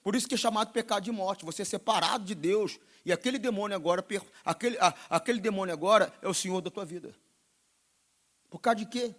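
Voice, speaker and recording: A man with a Brazilian Portuguese accent preaching a sermon as pastor, swinging between loud exhortation and quiet, confiding asides. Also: sits high.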